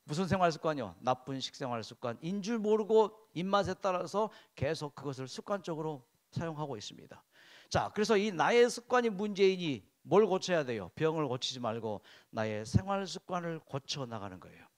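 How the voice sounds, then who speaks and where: Lively pastor preaching to his church. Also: fairly high pitch, a little fast. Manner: poses questions to the congregation and answers them himself; drills listeners in call-and-response repetition. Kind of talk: sermon on health.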